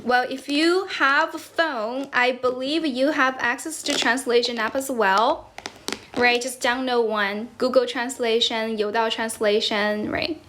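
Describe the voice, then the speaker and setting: A woman's voice: a little high, steady tone, a little slow, a bit bright, a little hiss or hum. A young Chinese woman, a native speaker of Mandarin with a Chinese accent, chatting casually on a livestream as an English tutor. She is teasing and talkative, and switches languages mid-sentence. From China. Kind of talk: casual livestream chat answering comments. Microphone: phone.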